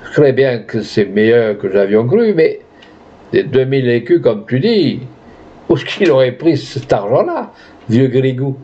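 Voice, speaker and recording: A man voicing a sharp-tongued, practical peasant wife who nags in rustic country speech. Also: mid-range voice, sing-song, measured pace, highs cut off. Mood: scolding.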